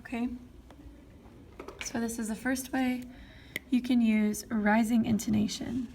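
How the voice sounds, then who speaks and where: A woman's voice: fairly high pitch, flat delivery, a little slow, gravelly, darkish tone. A woman teaching a French grammar lesson, explaining step by step and often checking in with "okay?" and "all right?". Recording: faint background noise.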